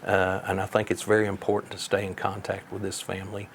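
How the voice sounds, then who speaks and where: Male law officer interviewee, measured and folksy, flat delivery, faint noise on the recording. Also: low voice, vocal fry. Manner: plain-spoken, folksy. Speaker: sheriff being interviewed.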